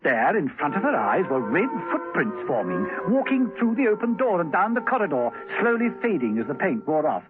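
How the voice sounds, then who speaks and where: A man narrates a 1970s radio drama in an urgent, theatrical storytelling style. His voice is a little high and sing-song, and he goes a little fast with hardly any pauses. The recording has the narrow sound of 1970s radio, with music.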